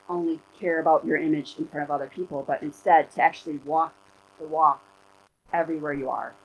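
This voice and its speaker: A middle-aged woman pastor giving a sermon in church, conversational and animated, telling personal stories to make her points. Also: low voice, husky, low-quality recording.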